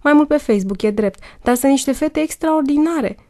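A chirpy, glamorous young expectant mother, read by a woman, gushing with enthusiasm. The voice sits high and sweet. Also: mellow, lightly acted. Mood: enthusiastic.

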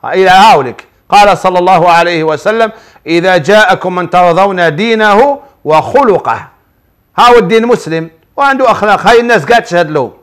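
A man with an Algerian Arabic accent and a notably high voice gives religious advice on television. He works through viewers' questions as a sheikh. His delivery is preachy and full of rhetorical questions. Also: expressive, fast talker, a bit bright.

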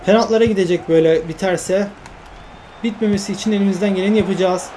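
An excitable man talks through a football video game match at a desk microphone, fretting and shouting at his teammates. His voice sits high for a man. A steady noisy hiss runs behind the recording. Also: quick pace. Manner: excitable, shouts at his teammates, groans when things go wrong. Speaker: gaming YouTuber. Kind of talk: live commentary over a football video game career.

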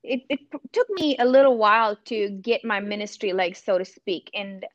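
On a video call from her home, a campus ministry missionary from India speaks with an Indian accent at a medium pitch and moderate pace. Thoughtful and earnest in this reflective panel talk, she frequently restarts sentences. The laptop webcam audio has no echo and cut-off highs.

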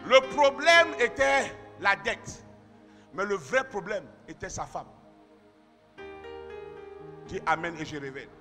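A male pastor preaching a sermon, swinging from shouted emphasis to quiet asides. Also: high voice, lively intonation, slow pace, pauses often. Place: church hall. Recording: church hall with long reverb and faint music.

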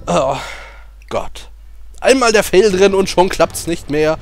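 A young man commentating a video game, fast, jokey and rambling. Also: high voice, expressive, faint music behind. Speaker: let's play commentator. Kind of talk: casual gaming commentary.

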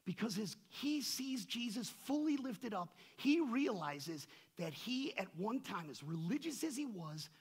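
A man preaching a sermon as pastor, swinging from loud emphatic peaks to soft low asides and asking the congregation rhetorical questions. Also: very animated, measured pace, hardly any pauses, breathy edge.

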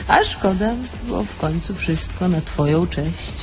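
An actress with a lowish voice plays the soul of a dead young thief in a theatrical tragifarce. Her delivery is mocking, blunt and crude-tongued.

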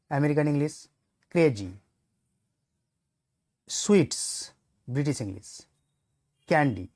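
Man, English teacher, mid-pitched, dry close sound, patient steady delivery of word lists. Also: dry recording. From Bengal. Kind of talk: vocabulary lesson for learners.

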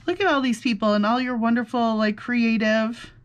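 A woman with a fairly high voice talks as the host of a casual craft vlog. She is effusive and exclamatory, rambling from one thought to the next as she chats to her viewers. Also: steady tone, moderate pace. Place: indoors at a desk with a laptop.

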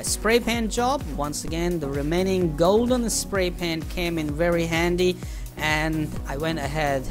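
A man narrating his home workshop build in voice-over, unhurried and thinking aloud with frequent hesitations. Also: fairly high pitch, vocal fry. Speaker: woodworking hobbyist.

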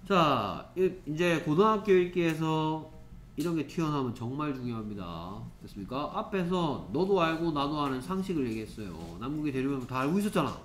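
A man teaching a middle-school English class, reading English sentences slowly and often checking with the students whether they follow. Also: on the high side, sing-song, roomy sound, a little hiss or hum. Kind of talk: classroom lecture.

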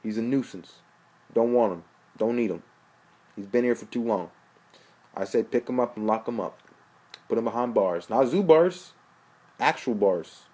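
A man's voice: medium pitch, lively intonation, normal speed, pauses often, mellow, slightly rough. A man voicing an agitated young man who rants in short indignant bursts. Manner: clipped, indignant ranting. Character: agitated young man ranting in a comedy sketch.

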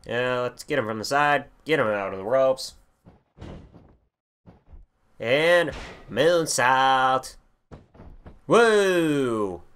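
A young man commentating a wrestling video game as he plays, excitable and full of profanity. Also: medium pitch, slow pace, long pauses, clean tone. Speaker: gaming channel host. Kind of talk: let's play commentary.

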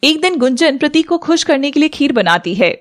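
A woman narrating a scripted animated drama in an even storytelling voice. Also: high voice, brisk.

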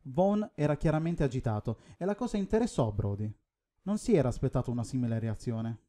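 A man reads a novel aloud in a calm, even manner, paced like scripted narration. His voice is very dark and mellow, sitting at a middling pitch. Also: brisk. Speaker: audiobook reader.

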